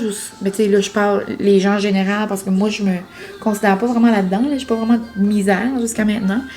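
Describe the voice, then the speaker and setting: A woman's voice: mid-range voice, a little mellow. A young woman with a Quebec French accent, vlogging in a casual, rambling way, full of fillers and restarts. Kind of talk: casual chat to camera.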